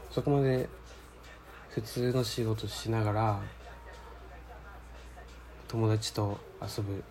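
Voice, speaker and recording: A man's voice: on the low side, dark tone. A man hosting a casual solo radio-style show, reading listener mail and talking in a rambling, laid-back, slangy way while searching aloud for his words.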